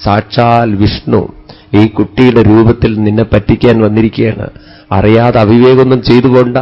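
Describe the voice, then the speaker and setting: A man voicing an old royal guru who gives a slow, hushed warning, in a dull lo-fi recording. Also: medium pitch, natural voice.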